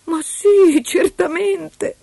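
A woman's voice: very high voice, steady tone, vocal fry, dark tone, voice pushed up, full character voice. A woman doing a pleading young maiden. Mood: relieved. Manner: pleading, drawn-out, breathless. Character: frightened pleading young maiden who becomes queen. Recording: music playing behind.

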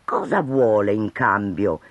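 A man's voice: on the low side, expressive, slow, no room sound, voice pushed down. A man voicing worried, stingy town councillors who fret about money, in a storybook reading. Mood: fretting. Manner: fretting, grumbling.

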